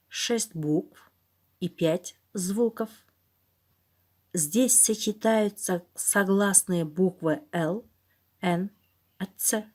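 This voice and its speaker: A woman primary school teacher dictating to young pupils in a deliberate, instructive way, enunciating and repeating each word. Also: mid-range voice, dark tone.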